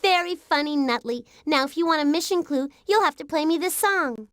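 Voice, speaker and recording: Woman doing a bratty schemer girl, super high and squeaky, hissy old game audio. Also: a little fast, lightly acted. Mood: taunting. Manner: taunting, bossy. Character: mischievous scheming young girl prankster. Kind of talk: 1990s educational game voice acting.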